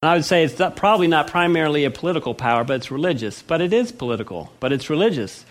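A man leading a Bible study, asking the audience questions, answering them himself, and reading scripture slowly with emphasis. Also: on the high side, sing-song. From United States. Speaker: Bible teacher. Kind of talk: interactive Bible study lecture.

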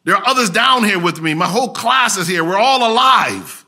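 A man's voice: high voice, very animated, moderate pace, sharp tone, heavily acted. A man voicing a small trapped boy who stays brave and hopeful. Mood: urgent.

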